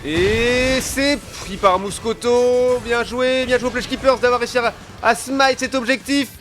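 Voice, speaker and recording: A male esports caster with a notably high voice calls a match live. His play-by-play is colloquial and full of gamer slang, with faint music playing behind him. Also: steady tone, measured pace, fairly bright tone.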